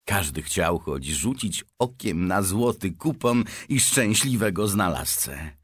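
A man reading a children's audiobook aloud with expressive storytelling. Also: low voice, takes it slowly, breathy edge, no echo. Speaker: audiobook narrator.

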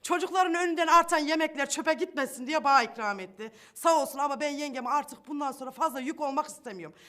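Rustic widow hunting a husband, woman acting, high, sharp tone. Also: quick pace. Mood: folksy. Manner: shy, folksy, blunt village talk.

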